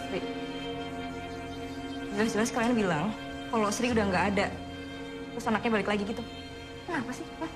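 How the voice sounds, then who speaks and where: A woman's voice: medium pitch, a little fast, long pauses, music in the background, lightly acted. An actress playing a defiant young female student at a boarding school, talking bluntly in street slang and picking fights. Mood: confrontational. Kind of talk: film drama.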